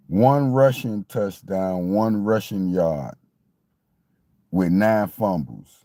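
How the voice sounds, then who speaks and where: Recorded in clean studio sound with no room sound, a man in his late forties from Miami talks about his football team in a lowish, mellow voice. It's a casual sports talk monologue from a sports fan commentator, repetitive, meandering and conversational.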